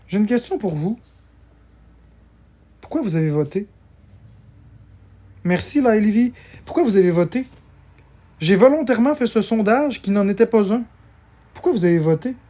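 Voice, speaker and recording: A man's voice: high voice, lively intonation, moderate pace, pauses often, mellow. A man, tired, chatting casually on a live stream as he answers viewer comments and thanks people for gifts.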